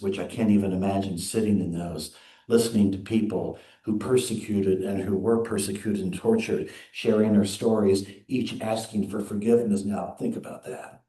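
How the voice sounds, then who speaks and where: A man minister giving an earnest, measured sermon in a church. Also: on the low side, mellow. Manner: earnest, measured preaching with quoted readings. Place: church sanctuary. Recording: echoey sanctuary.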